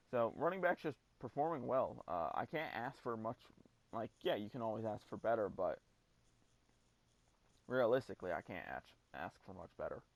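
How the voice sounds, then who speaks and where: Laid-back, low-voiced gaming host. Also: male voice, dry recording, muffled recording. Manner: laid-back, swears casually. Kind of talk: casual gameplay commentary.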